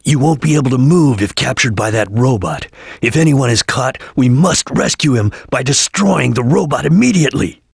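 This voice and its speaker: A stern, disciplined ninja chameleon from a video game, speaking in tactical, deliberate phrases. The voice is very husky with a gravelly edge, and its pitch swings in a lively way at a middle register. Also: male voice, no echo, studio quality, exaggerated voice. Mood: calm, tactical. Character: serious, disciplined male ninja chameleon detective, cool and tactical. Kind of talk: video game character voice lines.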